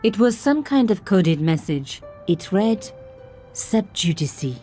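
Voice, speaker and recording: A woman's voice: medium pitch, very animated, slow pace, dark tone, soft background music. An actress voicing a young woman journalist who narrates her sleuthing with dry, self-mocking asides. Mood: wry. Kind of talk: game voice-over narration.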